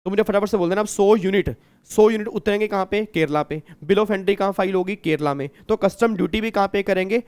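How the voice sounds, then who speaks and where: A man's voice: high-pitched, a little fast, a little mellow, smooth. A man from India teaching a customs tax class online, repeating points and quizzing his students. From Kurukshetra, India. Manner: teasing, repetitive, asks the class questions.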